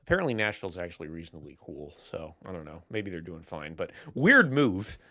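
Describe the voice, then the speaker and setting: A young man co-hosting a casual podcast chat, sardonic and profane, firing off quick jokes. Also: low-pitched, very animated, sharp tone, dry recording, clean studio sound.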